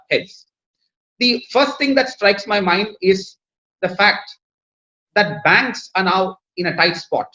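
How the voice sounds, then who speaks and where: A lawyer serving as a panelist, a man who speaks Tamil natively and has an Indian English accent, gives a measured, formal talk over a video call, often pausing on fillers. His voice is high for a man and fairly bright, and the audio is muffled and lo-fi.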